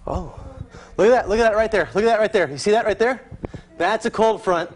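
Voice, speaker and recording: A man giving a live TV weather forecast in an excitable way, exclaiming and repeating himself. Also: high voice, a little fast.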